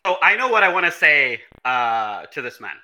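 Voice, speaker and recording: A man with a slightly high, very bright voice thinks aloud about his next move in a tabletop game. He talks in a casual, animated way. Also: normal speed. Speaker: player. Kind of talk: casual chat while playing.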